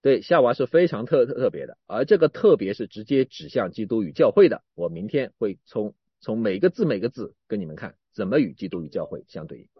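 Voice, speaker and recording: A husky-voiced man delivers a sermon with a lively, swooping pitch, often restarting and repeating words as he rises to emphatic bursts and sinks to quiet asides. He talks a little fast with few pauses. The recording is dull and dry, with no room sound or echo.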